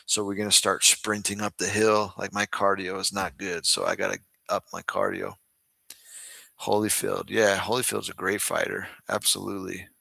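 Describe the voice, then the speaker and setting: A man's voice: low-pitched, flat delivery, moderate pace, creaky, bright, forceful tone, no room sound. A man from the United States chatting casually and informally as host, speaking directly to his viewers. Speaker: host, boxing club trainer. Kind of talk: casual livestream chat.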